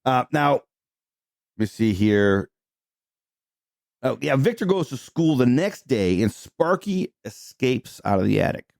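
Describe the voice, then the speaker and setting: A man's voice: mid-range voice, very animated, unhurried, gravelly, long pauses, a little mellow, no room sound, clean studio sound. Chatty man hosting a movie podcast. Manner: chatty, retelling plot with filler words. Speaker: podcast host. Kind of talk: casual movie recap chat.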